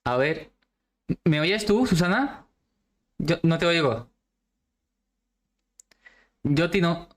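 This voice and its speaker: A woman's voice: fairly low pitch, expressive, takes it slowly, pauses often. A woman hosting an interview over a video call, talking in a friendly, chatty way. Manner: friendly, chatty, affirming often. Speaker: interviewer host. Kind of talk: casual interview chat.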